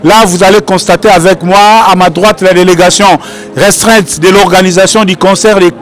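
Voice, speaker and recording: A man's voice: sits high, fairly even intonation, normal speed. A man working as a reporter, running a chatty, playful street interview at a train station. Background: music.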